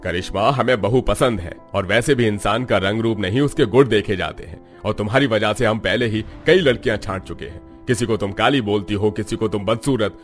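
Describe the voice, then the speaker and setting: A firm middle-aged father from a cartoon story, played by a man. His voice sits low, and he lectures steadily and sensibly. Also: a little fast, few pauses, soft background music, natural voice. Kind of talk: cartoon dubbing.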